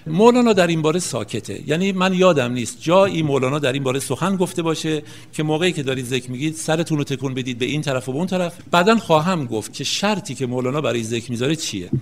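A man lecturing in a calm, explanatory way, with a voice that sits a little higher than most men's. He works through his points one at a time and slows right down when he recites poetry. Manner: slows down to recite classical verse. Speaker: lecturer on Rumi and Sufi practice. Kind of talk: spoken lecture with storytelling.

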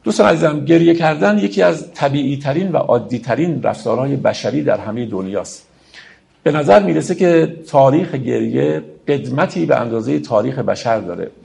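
Gravelly-voiced male lecturer. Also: medium pitch, animated, darkish tone. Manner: explanatory, addresses listeners as friends, recites verses. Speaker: lecturer on classical poetry.

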